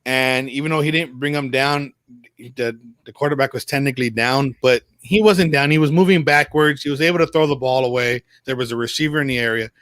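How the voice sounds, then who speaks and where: Bright, dry-voiced man talking sports. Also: medium pitch, a little fast, no room sound. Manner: rambling, self-correcting, emphatic opinions. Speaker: sports talk show regular. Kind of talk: casual sports chat.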